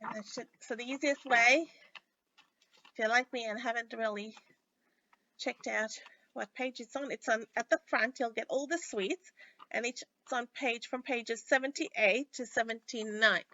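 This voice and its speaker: A woman hosting a casual live craft tutorial, sounding nasal and a little sick, chatting in a halting way with many pauses. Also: a little high, sharp tone. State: under the weather with a stuffy, sick-sounding voice. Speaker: host of a weekly craft livestream. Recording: dull, lo-fi livestream audio.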